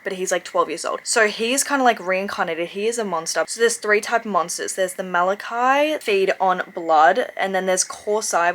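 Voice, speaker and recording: A woman's voice: mid-range voice, a bit bright, slight background noise. A young woman from the UK chatting casually in a reading vlog, enthusiastic and full of filler words. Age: young adult. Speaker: book vlogger.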